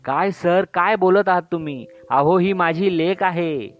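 A man's voice: medium pitch, measured pace, slight background noise, close to an everyday voice. A man doing a fussy flustered mother. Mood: fussing. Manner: scolding, protesting, fussy. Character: flustered middle-aged mother, gentle and fussy. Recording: dull lo-fi sound with faint music.

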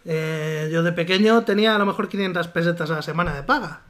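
A man co-hosting a podcast, making his points casually and deliberately, with pauses and fillers. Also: a little high, a bit bright. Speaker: podcast co-host. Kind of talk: casual chat.

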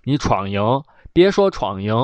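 A proud, scornful khan, as a storyteller puts him on, taunting with lively swings of pitch. The recording is dry and close, as in a spoken story. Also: male voice, unhurried, dry recording. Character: boastful middle-aged male steppe khan, scornful.

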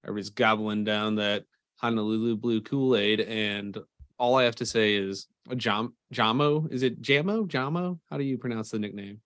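A man's voice: fairly low pitch, steady tone, brisk, a bit bright, no echo. A man co-hosting a casual sports podcast, rambling and enthusiastic as he talks football. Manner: enthusiastic, rambling fan talk. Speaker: podcast co-host.

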